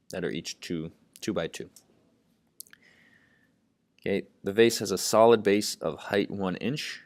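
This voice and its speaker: A man with a low, deep voice tutors math, working problems out loud step by step. He leans on "okay" as a constant verbal tic. The sound is close and dry, with no room around it. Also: dry recording. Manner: says "okay" constantly, thinks aloud step by step. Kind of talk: lesson narration while writing.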